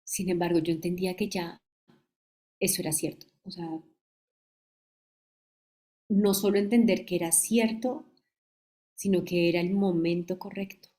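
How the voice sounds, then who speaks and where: A woman in her forties with a Colombian accent, a mother giving a halting, emotional personal testimony. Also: on the low side, steady tone, warm tone. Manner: halting, emotional, restarts mid-phrase.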